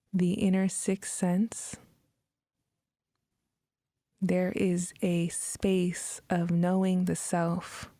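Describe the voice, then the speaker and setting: This guided meditation is scripted narration from a woman whose voice is mellow, slightly low and softly breathy at the edges. She speaks very slowly in short phrases with long pauses, recorded dry and close with no room sound.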